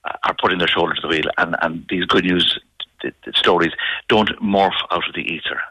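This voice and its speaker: A man's voice: low-pitched, brisk, sharp tone, slightly rough, no echo, rough recording. A man with a West of Ireland accent giving local news as a radio interview guest, in wordy, formal phrasing with some stammered word starts. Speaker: magazine editor, radio guest.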